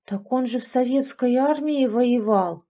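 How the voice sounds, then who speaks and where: A woman's voice: fairly high pitch, measured pace, mellow, pitched above the performer's own voice. A woman voicing a brash, outspoken young woman teacher with blunt, exclamatory lines. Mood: puzzled.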